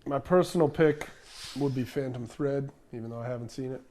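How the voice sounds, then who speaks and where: A man's voice: mid-range voice, a little fast, darkish tone, a little hiss or hum. A man in a casual movie chat who jokes around with playful drama.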